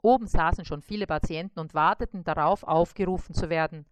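Smooth-voiced woman reading a children's story. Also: lowish voice, brisk, no echo. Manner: calm, even reading of a children's tale. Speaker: narrator. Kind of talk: scripted storybook narration.

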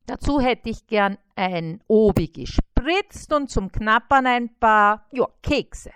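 A woman reading a storybook aloud and voicing a cheerful, greedy male fly who talks high and loud. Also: slow, clean tone, dry recording. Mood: greedy, excited.

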